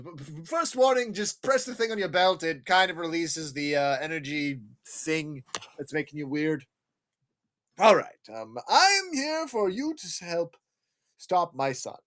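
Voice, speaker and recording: A speaker acting out an older male scientist who gives hurried, stammering instructions while recapping a film. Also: mid-range voice, very animated. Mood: urgent.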